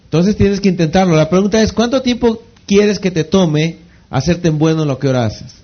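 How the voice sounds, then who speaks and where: High-voiced man coaching with rhetorical questions. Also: brisk. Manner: asks rhetorical questions and answers them himself; repeats phrases for emphasis. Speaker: network marketing trainer. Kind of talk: motivational training talk. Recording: slightly dull lo-fi recording.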